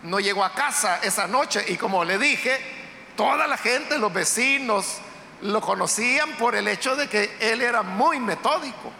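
A man pastor telling a story during a Sunday sermon in a church, conversational and unhurried. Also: high-pitched, lively intonation, gravelly, sharp tone, a little hiss or hum. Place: church sanctuary. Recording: echoey hall with long reverb, faint ambience.

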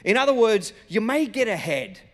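An Australian-accented pastor preaches a sermon built on personal stories, speaking conversationally and colloquially and acting out dialogue. His high-pitched voice swings widely in pitch at a normal speed. The sound is reverberant, like a hall.

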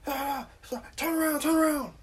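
A man voicing a young male state trooper who is amped up and barking orders, in a high mocking imitation. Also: steady tone, moderate pace.

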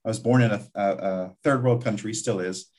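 A man's voice: lowish voice, fairly quick, darkish tone. A man from Guyana, a community college vice president, talking reflectively in an interview with frequent restarts. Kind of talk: interview conversation.

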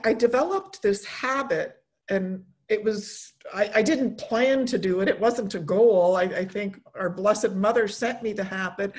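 A middle-aged woman hosting a conversational talk, speaking haltingly and repeating words and phrases for emphasis. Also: medium pitch. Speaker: host of a mothers' prayer group talk. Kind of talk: warm conversational talk with closing reflections.

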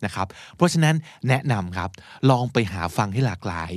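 A man hosting a podcast who teaches English in a chatty, encouraging way, reading English phrases slowly and spelling words out. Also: fairly low pitch, sing-song, no echo. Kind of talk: casual explanatory podcast teaching.

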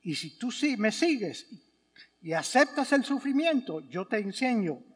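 Priest doing a soft gentle jesus, slow, echoing church. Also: male voice, extremely high pitch, sing-song, exaggerated voice. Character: calm, gentle Christ speaking to the faithful. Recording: church with long reverb.

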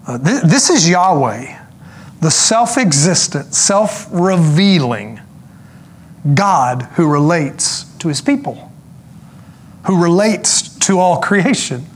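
Earnest preacher man, slightly high voice. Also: sing-song, breathy edge. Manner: earnest preaching, slows for emphasis, with asides. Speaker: pastor. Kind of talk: sermon.

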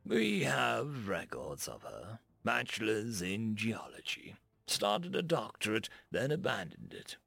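Man playing a calm, dignified human envoy. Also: lowish voice, vocal fry, slightly rough, dry recording, heavily acted. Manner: calm, measured, slow.

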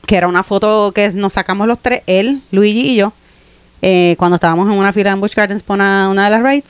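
Woman, casual podcast co-host, smooth resonant voice, dry close mic, emphatic storyteller. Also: medium pitch, fairly even intonation, quick pace, dry recording. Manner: warm storytelling, emphatic repeats. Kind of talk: casual chat.

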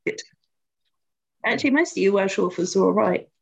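A woman's voice: medium pitch, lively intonation, moderate pace, vocal fry, slightly rough. London-accented woman who drops her T's. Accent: London-area English. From Luton, England. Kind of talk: casual chat.

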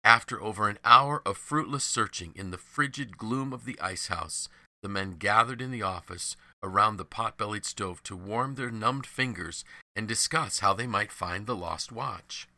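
A man reading a devotional story and its moral in a measured, earnest storytelling manner. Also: on the low side, bright, forceful tone, no room sound. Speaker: devotional narrator.

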